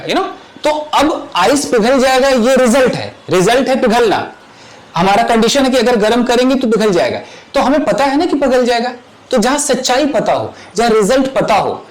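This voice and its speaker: A man's voice: high-pitched, a little hiss or hum, rough recording. A man teaching English grammar to viewers in a chatty way, often checking that they understand. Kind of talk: Hindi-English grammar lesson with live demonstrations. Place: home kitchen.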